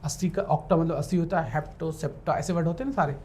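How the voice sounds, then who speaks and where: A Hindi-speaking English teacher for law entrance exams gives a classroom lecture with spelling drills, his voice slightly high, a little mellow and a little fast. He explains in Hindi, switches to English for definitions, spells words letter by letter, and keeps checking in with the class.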